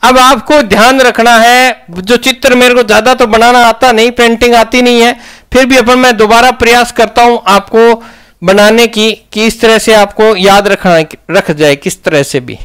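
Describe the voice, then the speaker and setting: High-voiced man teaching grammar. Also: steady tone, moderate pace, fairly bright tone, clean tone. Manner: asks questions and answers them himself. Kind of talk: Hindi grammar lesson.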